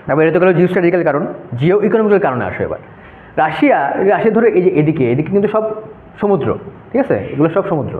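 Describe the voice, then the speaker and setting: Talking students through a map in a casual classroom lecture, this young debate workshop instructor keeps checking "okay?". He speaks rapid-fire with a high voice and lively intonation. There is slight background noise, an echoey room and a phone-like narrow sound.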